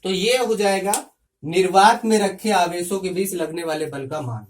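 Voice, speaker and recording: A man teaching a physics lesson step by step, often pausing to check in with his students. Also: high-pitched, recorded from a distance. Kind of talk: classroom lecture.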